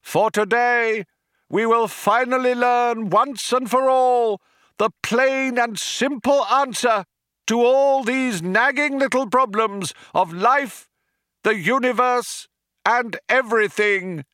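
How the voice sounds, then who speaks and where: A man's voice: extremely high pitch, takes it slowly, sharp tone, clean tone, no echo, clean studio sound, pitched above the performer's own voice, heavily acted. A man voicing a fervent male orator who cries out grand proclamations to an ecstatic crowd. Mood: rapturous proclaiming. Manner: grand, declaiming, rising to a cry.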